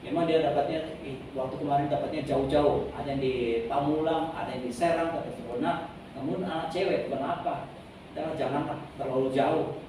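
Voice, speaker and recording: A man's voice: on the high side, fairly even intonation, fairly quick. A middle-aged man, a pastor, giving an informal, rambling sermon and leading the congregation in reading aloud. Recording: very echoey hall, distant mic, noisy.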